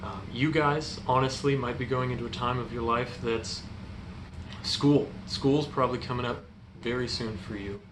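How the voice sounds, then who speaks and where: A young man giving an informal youth group sermon in an earnest, halting, hesitant way. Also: mid-range voice. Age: young adult. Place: indoor room in front of a stone fireplace. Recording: echoey room, clear background noise.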